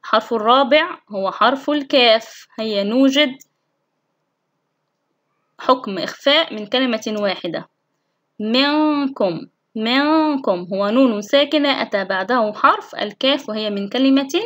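A woman's voice: a little high, fairly bright tone, highs cut off. A woman teacher giving a recorded recitation lesson to children, asking questions and answering them herself. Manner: recites example words slowly and carefully.

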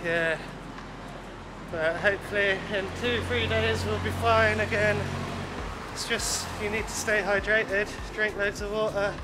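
A man's voice: high-pitched, steady tone, unhurried, over loud music. A man in his thirties chatting casually to a handheld camera as a travel vlogger on city streets, teasing and laughing often. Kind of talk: casual vlog chat. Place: outdoors on busy city streets and night market. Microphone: handheld camera at arm's length.

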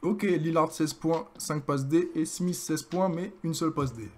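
A young man with a French accent commentating his own basketball video game, excitable and joking as he hypes his plays. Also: a little high, a little slow, faint music behind. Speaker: gaming streamer. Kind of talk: live gameplay commentary.

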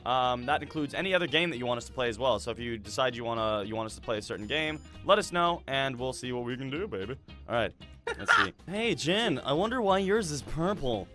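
Male gaming host, bright and animated, loud and profane, music bed. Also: medium pitch, brisk. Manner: loud, swearing, laughing, excitable. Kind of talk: casual gameplay commentary.

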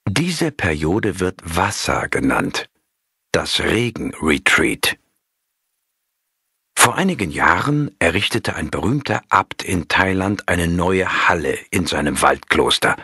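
A man reading a story aloud in a calm, measured storytelling manner. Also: sits low, husky, dry recording, studio quality. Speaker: audiobook narrator. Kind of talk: scripted narration of a story.

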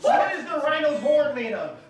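A young man in loud, casual, rowdy banter, swearing and repeating himself as he fires off quiz questions. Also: very high voice, very animated, normal speed. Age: young adult. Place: small indoor bathroom. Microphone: camera mic a few feet away. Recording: very echoey bathroom, distant mic, loud music and voices.

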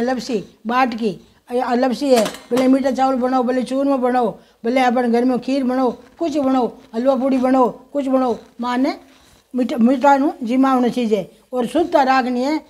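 A woman with a Rajasthani accent explaining a home ritual in a folksy, motherly way, chanting mantras slowly in a sing-song voice. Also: high-pitched, a little mellow. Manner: folksy, motherly, addresses viewers as children. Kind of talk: instructional talk with mantra chanting.

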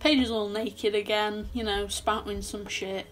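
A woman's voice: medium pitch, level tone, measured pace, a little hiss or hum. Young woman at her desk doing a casual film recap, sarcastic asides, swears a bit, small bedroom. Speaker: film reviewer.

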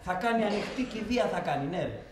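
A brash, hustling undertaker barks slang down a bad phone line. His voice sits high and bounces around a roomy space. The delivery is blunt and pushy. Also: animated, a little hiss or hum. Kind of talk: film comedy acting.

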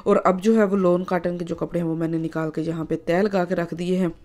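A woman's voice: on the low side, little pitch movement, brisk, darkish tone. A woman, narrating her home vlog in a chatty way, full of filler phrases. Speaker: vlogger.

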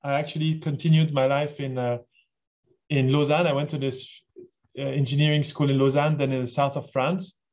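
A man's voice: mid-range voice, little pitch movement, normal speed, a little mellow. Chatty man hosting a video call. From Switzerland. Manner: chatty, enthusiastic, asks the audience questions. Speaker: webinar host. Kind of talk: casual presentation on a video call. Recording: dull lo-fi video call audio.

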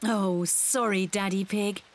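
An actress playing a kind, patient mother pig in a cartoon, gentle and explaining. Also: mid-range voice, fairly even intonation, takes it slowly. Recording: cartoon with music underneath.

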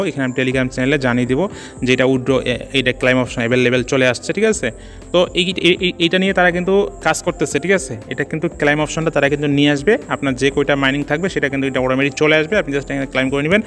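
A man narrating a casual screen-recorded tutorial, talking quickly and filling his speech with "so", "just" and "okay?" checks. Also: on the high side, a bit bright. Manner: rapid, peppers speech with "so", "just" and "ঠিক আছে?". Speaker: crypto tutorial channel host.

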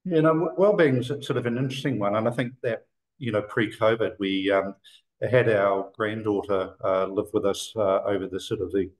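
A man's voice: on the low side, poor audio. Rambling older man on a video call. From New Zealand. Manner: rambling, many fillers and restarts. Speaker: guest. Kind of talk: casual video-call conversation. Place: office room indoors.

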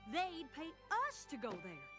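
A woman's voice: sits high, very animated, a little slow. An actress playing a down-to-earth, hardworking young woman in a cartoon, plain-spoken and firm, with music behind. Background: background music.

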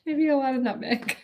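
A woman in her forties, chatting in a rambling, casual way with viewers while baking live in her home kitchen, picked up by a camera on the counter. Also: high voice. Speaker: vlogger hosting a live cooking stream.

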